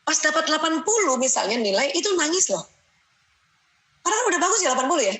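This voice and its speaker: Bright-voiced woman giving a lively seminar. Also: high voice, quick pace, low-quality recording. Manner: lively, often laughing, quotes her children; peppers sentences with "ya". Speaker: parenting seminar speaker. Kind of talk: seminar talk to an audience.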